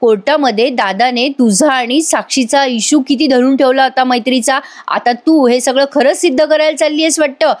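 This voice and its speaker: A woman's voice: sits high, moderate pace, hardly any pauses, natural voice. A woman quoting an angry young husband pressing his wife for an answer. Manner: pressing, reproachful.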